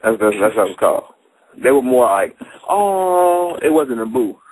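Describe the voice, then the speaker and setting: A man's voice: lowish voice, fairly quick, a little hiss or hum, low-quality recording. A young man from St. Louis with a St. Louis accent, arguing brashly and boastfully, full of profanity, as a battle rapper in a heated casual debate.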